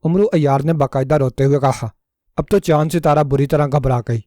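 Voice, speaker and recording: Male storyteller, measured scripted narration; mellow tone, dry close mic. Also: fairly high pitch, fairly even intonation, dry recording.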